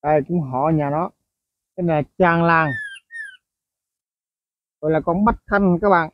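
A man's voice: a little high, measured pace, no room sound. A man chatting casually to viewers about songbirds, with frequent fillers and asides. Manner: chatty, addresses viewers often, many fillers. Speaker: bird-keeping video host. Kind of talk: casual explanatory vlog narration. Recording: tinny phone-like dry sound.

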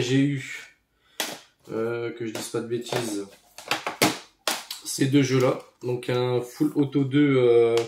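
A man casually showing off his retro game finds, relaxed and hesitant with many fillers. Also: mid-range voice. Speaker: retro game collector YouTuber. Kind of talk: casual show-and-tell commentary. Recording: echoey room, faint noise.

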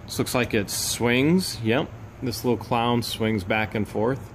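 A man narrating as he digs through boxes from a bought storage unit, casual and chatty, breaking into excited high exclamations over finds. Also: measured pace, a little hiss or hum. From United States. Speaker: storage unit reseller vlogger.

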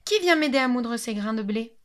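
A woman's voice: on the high side, lively intonation, brisk. A woman voicing a cheerful, hardworking little red hen who calls out to her friends in a storybook reading. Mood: cheerful calling. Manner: bright, calling out to friends.

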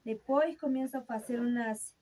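This young woman narrates a casual show-and-tell from her rural mountain home, filming on a phone she holds and speaking directly to viewers. She's chatty, slow, and explanatory, with a mellow voice on the high side. Slight background noise and rough recording quality.

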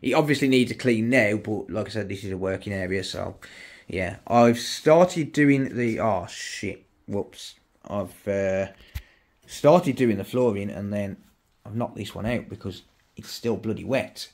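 Filming on a handheld phone as he walks through an unfinished house under renovation, indoors and out into the garden, a middle-aged electronics repair YouTuber from England's West Midlands rambles through a casual vlog. His pitch is fairly low and his pace measured, and he chats away, correcting himself with lots of fillers.

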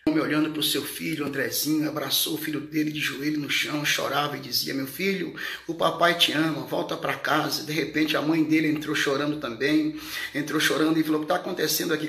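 A Brazilian man with a Brazilian Portuguese accent preaches a fervent testimony sermon, rising to shouts when he retells what people said. His voice is fairly high with vocal fry, and the sound is reverberant.

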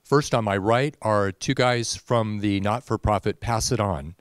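A middle-aged man hosts a small indoor panel, introducing his guests in a plain, matter-of-fact way. His voice sits fairly low and sounds dry and close on a handheld mic. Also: measured pace, no room sound. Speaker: soccer club host. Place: indoor room. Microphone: handheld microphone.

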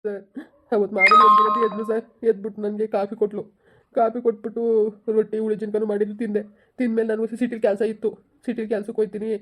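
A woman's voice: mid-range voice, a bit bright, natural voice. A woman playing a grieving middle-aged village husband, crying and pleading in a village drama. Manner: pleading, sobbing speech.

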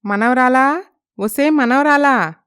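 A woman voicing a sharp-tongued, playful old grandmother in a storybook, scolding and teasing. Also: medium pitch, expressive, unhurried, clear, resonant tone, close to an everyday voice. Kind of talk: storybook narration.

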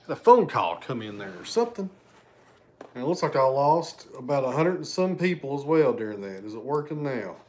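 A chatty man hosts a livestream from his living room at home, reading super chats. His medium-pitched voice is very animated, brisk, and a little mellow. He thanks viewers by name and tends to lose his train of thought.

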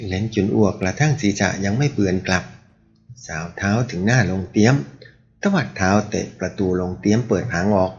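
A man reading a martial-arts novel aloud as an audiobook narrator, raising his pitch to voice the characters. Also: fairly quick, lo-fi sound.

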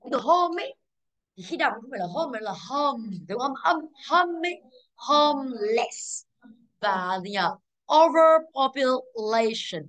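Woman, English teacher, classroom, quizzing pupils, fairly high voice. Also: a bit bright. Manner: quizzing pupils, drilling pronunciation. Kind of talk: classroom lesson.

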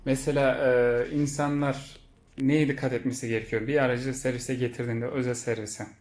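A man's voice: medium pitch, level tone, moderate pace, a little mellow. A man hosting a casual vlog tour and interview in a car repair workshop, talking with frequent hesitation fillers. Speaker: host touring a car repair shop.

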